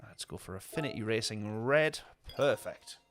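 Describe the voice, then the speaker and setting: A man's voice: fairly low pitch, expressive, moderate pace, fairly bright tone, slight background noise. Chatty man streaming a racing game. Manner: rambling, chatty, answers viewer chat. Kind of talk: casual gameplay commentary.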